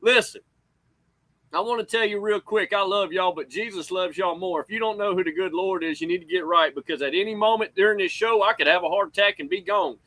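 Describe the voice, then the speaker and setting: A man with a Southern US accent hosting a sports show in casual, folksy talk, excitable and rambling. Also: high voice, brisk, no room sound, rough recording.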